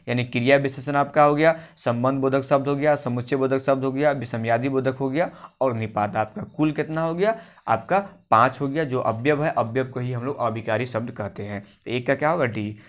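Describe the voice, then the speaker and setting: A male teacher giving a grammar lesson for exam preparation. He explains step by step, often asks a question and then answers it himself. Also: mid-range voice. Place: coaching class recording.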